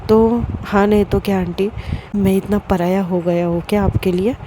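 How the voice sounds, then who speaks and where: A teasing, pushy young man in a spoken storybook, pressing and wheedling in a level, flat voice, as a woman narrator plays him. Traffic noise hums clearly behind. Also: medium pitch, normal speed, close to an everyday voice. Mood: sulking.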